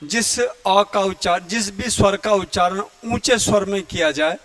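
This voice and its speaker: A man teaching Hindi grammar in a lecture, who often clears his throat and sings out vowels to show how they sound. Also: high-pitched, fairly bright tone. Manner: explains slowly, chants vowels and Sanskrit verse to demonstrate. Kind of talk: classroom lecture.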